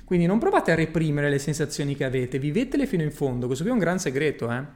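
Male coach on a casual livestream, a touch higher-pitched than most men, blunt and emphatic, swears freely, keeps checking the listener follows. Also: big pitch swings, fast, a little mellow. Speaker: personal growth coach. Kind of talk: casual livestream talk reading viewer comments.

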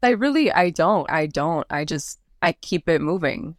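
A woman's voice: low-pitched, a little slow, no room sound, clean studio sound. A woman, a bridal makeup artist, talking casually as a podcast guest and acting out what her family said. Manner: animated storyteller, acts out family quotes.

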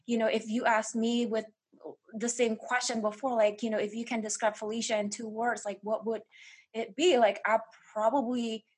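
A woman's voice: fairly high pitch, flat delivery, moderate pace, breathy edge. A woman from Indonesia speaking earnestly as a guest in an interview, restarting often and leaning on fillers. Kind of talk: candid interview conversation.

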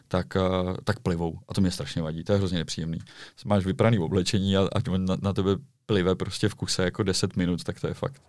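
Low-voiced man, brisk and casual. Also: creaky, darkish tone, no room sound, studio quality. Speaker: guest, street video maker. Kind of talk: casual conversation.

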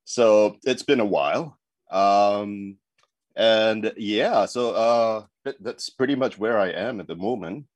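A Singaporean man in his forties, an advertising creative, speaks slowly in a fairly low voice as a guest in a remote interview. He chats casually about his career, rambling with lots of fillers and restarts, and there's no room sound.

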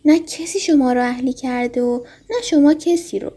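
An earnest young prince talks in a storybook with a high, slightly husky voice, as a woman reads him. He sounds proud and insistent, with a mellow tone. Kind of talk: storybook reading.

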